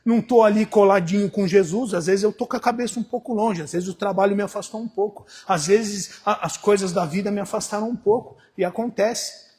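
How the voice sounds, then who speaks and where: A male pastor with a Brazilian Portuguese accent preaching a sermon, dropping to hushed storytelling and rising to shouted exhortation. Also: sits high, brisk, husky.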